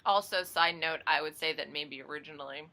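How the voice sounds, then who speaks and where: A woman's voice: sits low, brisk, pushed and bright. A woman in a casual barstool debate over drinks, making emphatic, argumentative rebuttals.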